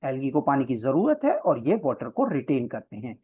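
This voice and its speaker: With a husky, mid-range, sing-song voice at a moderate pace, this coaching teacher gives an exam-prep biology lecture in class. The explanation goes step by step in Hindi sprinkled with English terms, with frequent check-ins with students, on a slightly dull lo-fi recording.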